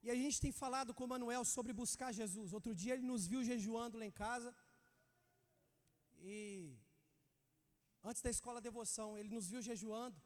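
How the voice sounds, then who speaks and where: Brazilian preacher guy, really high voice, fired up calling out to the church, big hall echo. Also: moderate pace, pauses often. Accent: Brazilian Portuguese. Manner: fervent, calls out to the congregation, builds to shouting. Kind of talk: sermon.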